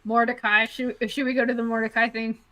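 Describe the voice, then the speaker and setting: A woman's voice: fairly high pitch, flat delivery, fairly quick, pushed and bright, no room sound. A woman hosting a casual book discussion livestream, chatty and full of filler words as she steers the talk. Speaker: livestream host.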